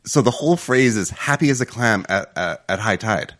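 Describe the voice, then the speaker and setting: Playful man chatting, lively pitch. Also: moderate pace. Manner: playful, trails off, laughs often. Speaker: co-host. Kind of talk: casual chat.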